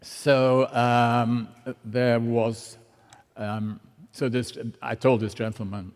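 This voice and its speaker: Older male art historian, slow deliberate lecturing with wry asides, mid-pitched voice, long lecture-hall reverb. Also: flat delivery. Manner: unhurried, anecdotal, with wry asides. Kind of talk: public lecture.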